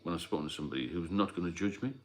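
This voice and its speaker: A man's voice: sits low, very fast, soft background music. A man hosting a casual livestream, plain-spoken and rambling, answering viewer comments as he goes. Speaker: livestream host. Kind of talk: casual live-stream chat.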